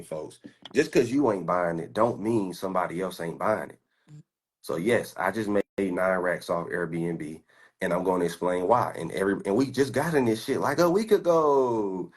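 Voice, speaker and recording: Husky, profane young man boasting. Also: deep voice, moderate pace. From United States. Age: 20s. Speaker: stock trader. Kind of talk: casual rant while screen-sharing.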